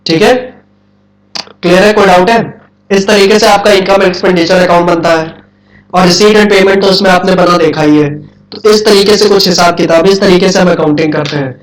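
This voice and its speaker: A man's voice: high-pitched, steady tone, a little fast. A middle-aged man teaching an accounts class, quizzing students and repeating key points. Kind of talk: classroom lecture. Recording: echoey classroom from far off.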